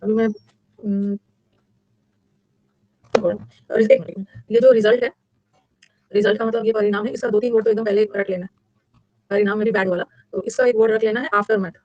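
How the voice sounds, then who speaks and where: A woman teacher running a lively classroom lecture, drilling vocabulary with repetition and mnemonics. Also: normal speed, pauses often, no room sound. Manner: energetic, repetitive, with sudden high-pitched emphasis. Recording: dull lo-fi dry recording.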